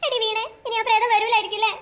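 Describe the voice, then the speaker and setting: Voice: very high voice, level tone, rapid-fire, a bit bright. A performer voicing a frightened young woman in a cartoon ghost story, pleading and wailing dramatically. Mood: fretful.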